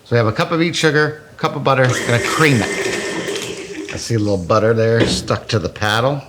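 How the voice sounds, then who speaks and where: A man's voice: medium pitch, brisk, very noisy. A man hosting a casual cooking demo, joking and crude as he bakes. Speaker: cooking show host.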